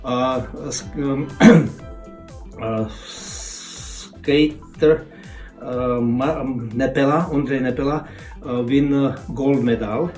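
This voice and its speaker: A man from Slovakia answering in broken English, pausing often with fillers. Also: medium pitch, a little mellow, faint music behind. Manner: hesitant, many fillers and broken phrases. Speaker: interviewee.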